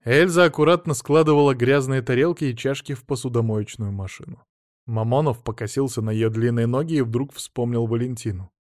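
A man's voice: mid-range voice, fairly quick, a little mellow, no echo, clean studio sound. A man narrating a novel as an audiobook, reading expressively.

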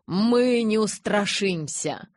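A woman reading the lines of a calm, courtly male vampire elder in an audiobook, speaking slowly and smoothly. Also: mid-range voice, no echo, clean studio sound, voice pushed up. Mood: measured. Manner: slow, smooth, measured speech.

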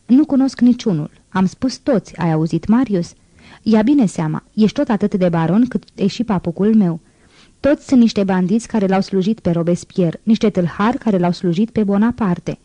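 A woman's voice: mid-range voice, no room sound, lightly acted. A woman voicing a furious, scornful old grandfather in an audiobook reading. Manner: shouting, scornful.

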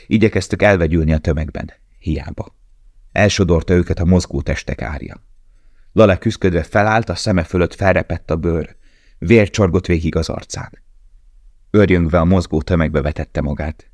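A man reading an audiobook aloud in a measured, somber narration. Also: sits low, a little mellow, no room sound, studio quality.

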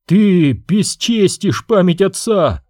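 A man's voice: high voice, lively intonation, takes it slowly, no room sound, studio quality, voice pushed up. Man doing a furious young prince. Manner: heated, accusing, shouting. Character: proud angry young prince, quick to accuse.

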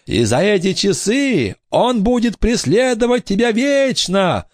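A man's voice: sits high, very animated, no echo, studio quality, pitched above the performer's own voice, full character voice. A man voicing a bold, cunning young girl who drags her words out in an eerie ghostly wail. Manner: drawn-out, eerie wailing. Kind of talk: audiobook character voice.

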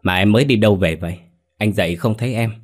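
A storyteller voicing a worried young husband, asking quick, anxious questions. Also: male voice, lowish voice, close to an everyday voice.

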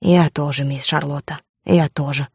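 A woman's voice: low-pitched, steady tone, moderate pace, breathy edge, no echo, clean studio sound. A woman voicing a kind, plain-spoken old female cook who fusses over the girl. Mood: tender. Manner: homely, fussing, soft-hearted.

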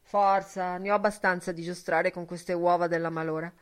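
A woman reading an audiobook, voicing a brash, mocking young man who talks loudly and theatrically. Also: lowish voice, steady tone, normal speed, lightly acted. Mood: boisterous, exclamatory. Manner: loud, theatrical, teasing.

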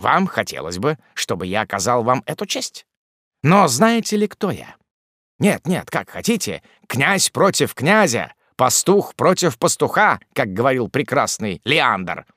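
A preening young officer voiced by a man drips with sneering irony and affected courtesy. The voice swings freely in pitch and is heard close, with a dry sound. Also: very animated, a little slow, fairly bright tone, no echo. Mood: ironic. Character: mocking foppish young male officer.

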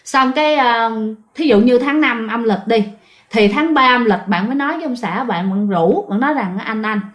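A woman's voice: fairly high pitch, normal speed. A woman with a Southern Vietnamese accent, casually telling a ghost story and speaking straight to her listeners. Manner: chatty, addresses listeners directly, frequent fillers.

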